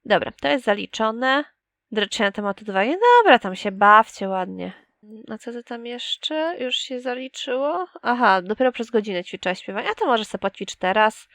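A woman's voice: fairly high pitch, expressive, moderate pace, fairly bright tone, no room sound. A young woman chatting casually as she plays a life-sim game, teasing the characters and talking to them directly. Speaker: gaming YouTuber. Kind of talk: casual let's play commentary.

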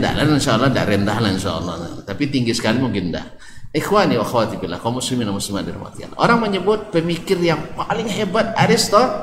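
A man's voice: a little high, slight background noise. A man with an Ocu Malay accent giving an Islamic study lecture, asking the audience questions and joking as he teaches. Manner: lively, jokes with the audience, asks questions. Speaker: preacher. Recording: echoey hall, faint ambience.

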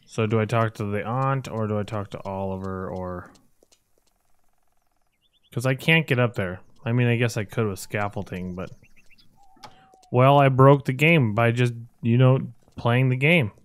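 A man's voice: medium pitch, measured pace, long pauses, smooth, no room sound. A man hosting a gaming video with casual, jokey commentary, thinking aloud and poking fun at himself.

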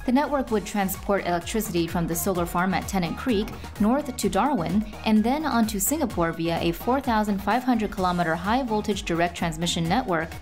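A woman narrating a scripted news report in an even, informative voice-over. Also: mid-range voice, brisk, hardly any pauses, faint music behind.

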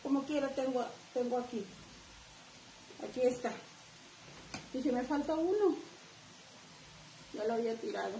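A woman's voice: high voice, expressive, a little slow, gravelly, pauses often, dark tone, distant mic. A middle-aged woman with a northern Mexican accent teaching a live craft class, chatty and talking straight to her viewers. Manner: chatty, addresses viewers directly. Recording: echoey room, faint background noise.

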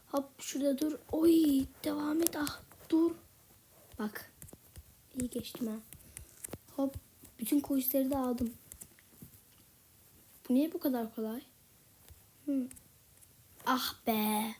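A woman giving casual gameplay commentary in a soft, half-whispered voice, a little sick with a slightly rough voice. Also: high-pitched, steady tone, takes it slowly, pauses often, slight background noise. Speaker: gaming channel host.

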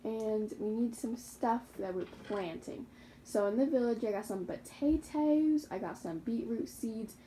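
Warm in tone and mid-range, this young woman's voice comes through a low-quality recording with a little hiss or hum. She's a gaming YouTuber chatting and rambling over her Minecraft survival gameplay, correcting herself and laughing at her own mistakes.

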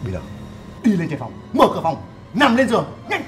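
A man's voice: sits high, huge pitch swings, fast talker, fairly bright tone, soft background music, full character voice. An actor playing a lecherous, bullying man who coaxes and then threatens. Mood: threatening. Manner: threatening, coaxing then snarling. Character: lecherous menacing adult man, bullying and crude.

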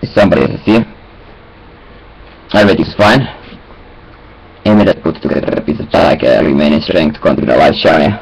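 In a low-quality recording with a little hiss or hum, a young man talks to himself at a webcam from a small, cluttered indoor room. His voice is extremely low and gravelly, fairly quick with frequent pauses, as he rambles in disjointed phrases dotted with sing-song fillers.

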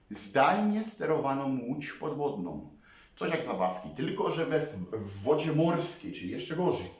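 A man talking casually to his viewers as a vlogger, rambling and animated, often calling on them to listen. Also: a little high. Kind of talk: casual talk to camera. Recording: very echoey room, mic far away.

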